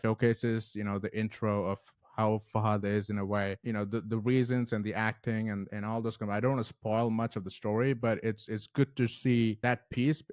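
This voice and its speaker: A man's voice: medium pitch, dry recording, clean studio sound. A man hosting a casual movie review vlog, talking in an enthusiastic, conversational way.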